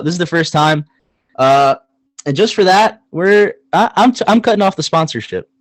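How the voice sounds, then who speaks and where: A man's voice: medium pitch, no room sound. Young male sports podcast co-host, mid-range voice, playful and emphatic, dry close sound. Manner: animated, joking, emphatic repetition. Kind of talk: casual sports podcast chat.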